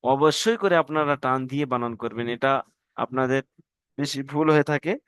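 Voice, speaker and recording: Male teacher, smooth clear voice, dry close sound, drills letter-by-letter spelling. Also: mid-range voice, a bit bright, no echo. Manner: spells out letters slowly, syllable by syllable; addresses students politely as brothers. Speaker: Quran reading teacher. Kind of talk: online class instruction.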